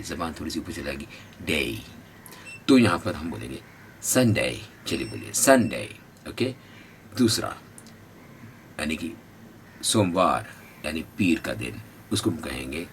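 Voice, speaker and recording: A man's voice: low voice, a little hiss or hum. A man with a North Indian accent teaching English pronunciation, repeating each word for the learners to copy. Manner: drills pronunciation by repeating words. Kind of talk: spoken English lesson. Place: classroom or institute.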